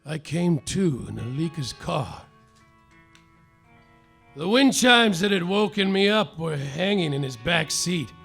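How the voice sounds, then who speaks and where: A male actor voices a luckless hard-boiled detective for a live comedy radio play, telling the story in deadpan noir fashion with bursts of melodrama. His voice sits on the high side and is creaky and exaggerated, moving at a slow pace over faint background music.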